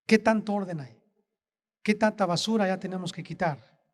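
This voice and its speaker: A man preaching a sermon as a pastor, asking the congregation slow, deliberate rhetorical questions. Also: high-pitched.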